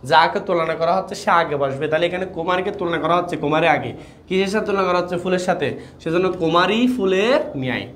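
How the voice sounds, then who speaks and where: Quick, chatty young tutor, high voice. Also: male voice, a bit bright, slight background noise. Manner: repeats questions to students, quick and chatty. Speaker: online tutor. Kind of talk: live online grammar class.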